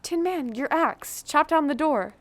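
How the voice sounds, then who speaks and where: A woman's voice: sits high, animated, measured pace. A teenage girl playing an eager, loyal scarecrow in a stage play, urgent and rallying. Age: teens. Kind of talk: high school stage play acting.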